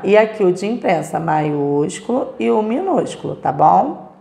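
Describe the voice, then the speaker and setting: A woman's voice: medium pitch, creaky, a little mellow. A woman teacher with a Brazilian Portuguese accent, patiently spelling out syllables for young pupils in a recorded lesson. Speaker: primary school teacher. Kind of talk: recorded remote class lesson. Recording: echoey room.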